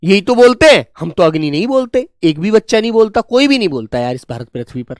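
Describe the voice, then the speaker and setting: A man's voice: high voice, big pitch swings, fast talker, no room sound, studio quality. A male teacher giving an exam-prep grammar lecture. He coaxes his students fondly, calls them child and keeps checking whether they follow. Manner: fond, coaxing, keeps asking "right?" and calling students child.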